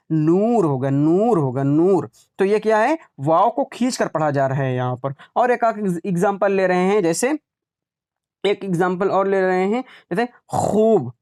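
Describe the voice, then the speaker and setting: Man teaching exam prep, repeating words. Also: high voice. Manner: drills words aloud, asks and answers own questions.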